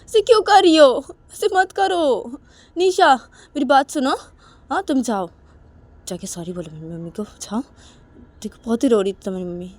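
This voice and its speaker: A woman's voice: on the low side, fast, mellow, husky, no echo. Woman playing a pleading, insistent young woman.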